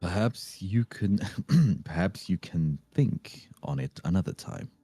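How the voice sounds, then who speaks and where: A smooth demon suitor speaks in a low, mellow voice that rises and falls with flourish, as a man puts him on. His formal, courtly lines come across dry and close. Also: expressive, slow pace, heavily acted. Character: smooth young male demon suitors from a romance game. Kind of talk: live reading of game dialogue.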